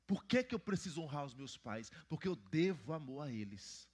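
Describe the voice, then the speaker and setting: Man as pastor, higher voice, very animated pitch, quizzing kids through a church Bible class. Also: moderate pace, slightly rough. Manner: asks the children questions and prompts answers. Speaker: pastor teaching Sunday school. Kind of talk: Bible lesson for church and children.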